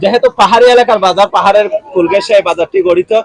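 A man with a Chattogram Bangladeshi accent reporting on location as an eager, halting presenter who often repeats himself. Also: high voice, vocal fry. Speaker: reporter for a local online channel. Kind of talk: on-location market report with interviews. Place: outdoor cattle market.

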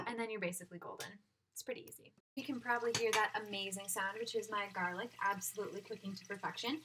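A young woman giving a casual, upbeat cooking demonstration in a small home kitchen, moving around as she talks. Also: fairly high pitch. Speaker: cooking instructor. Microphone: laptop webcam at a distance. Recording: loud cooking noise and clicks.

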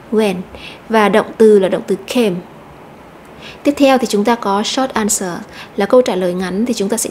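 A woman teacher explaining an English lesson step by step, slowly repeating each word to stress. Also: mid-range voice, a little mellow, a little hiss or hum. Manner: methodical, repeats words slowly.

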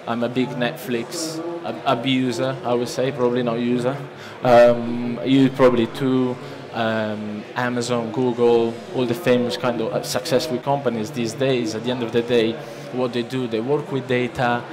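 An Italian man in his thirties, a conference presenter with a medium-pitched voice and an Italian accent, talks from a lectern in a large conference hall. His seminar talk is loose and conversational, with many fillers and restarts, and it is recorded on a lectern microphone in front of a listening audience.

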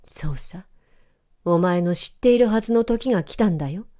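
A woman's voice: fairly low pitch, lively intonation, dark tone, lightly acted. A woman doing a stern dignified light spirit. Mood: hushed. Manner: measured, reproving.

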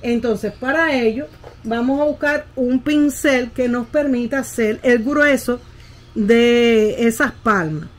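A woman's voice: fairly high pitch, slow pace. A middle-aged woman, teaching how to paint a landscape in a casual tutorial and often checking that the viewer follows. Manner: patient, keeps asking "¿ve?" while demonstrating.

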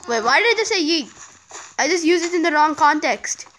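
A young woman chatting excitedly while playing a video game, with frequent exclamations. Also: high voice, a little fast. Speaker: gamer. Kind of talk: casual game commentary.

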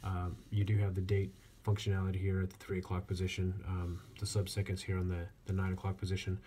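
This watch reviewer, a low-voiced man, handles the product casually as he talks, his speech halting and broken by frequent pauses. A steady background noise can be clearly heard.

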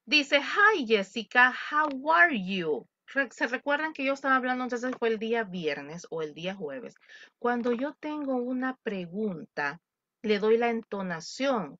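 A woman teaching English in an online class, modeling phrases slowly with careful intonation. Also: mid-range voice, expressive, a bit bright. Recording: dull lo-fi dry recording.

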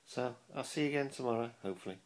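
A man's voice: mid-range voice, very fast. A British man in his forties talking casually to a phone at arm's length in a weary, self-deprecating video diary, recorded indoors. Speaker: vlogger. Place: small room indoors, lying on a pillow.

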